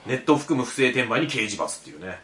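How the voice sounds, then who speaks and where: A man co-hosting a comedy radio talk show, telling stories in a lively, animated way that swings between loud bursts and muttered asides. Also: mid-range voice, fast talker. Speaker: radio show co-host, comedy duo member. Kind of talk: casual chat. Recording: roomy echo.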